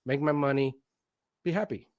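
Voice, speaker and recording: A Venezuelan Spanish speaker in his late 40s, a consultant in instructional design, tells personal stories as an interview guest at a moderate pace and medium pitch. He animatedly quotes his own thoughts and keeps checking in with "right?". The recording is dry with no room sound, and the highs are cut off.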